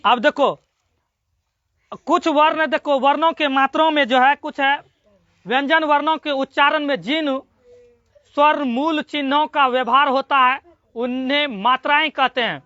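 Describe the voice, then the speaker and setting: A high-pitched teacher with a bright, sharp tone works through a classroom grammar lesson, asking the same question again and again and stretching out each syllable. The dry, dull lo-fi recording has little room sound. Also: fairly even intonation, measured pace, dry recording. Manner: drills students with repeated questions and answers.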